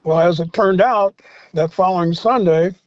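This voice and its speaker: A man's voice: sits high, normal speed, dry recording, muffled recording. An older man, a former rock singer, telling rambling stories in an interview, full of fillers and restarts. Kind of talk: storytelling in a casual interview.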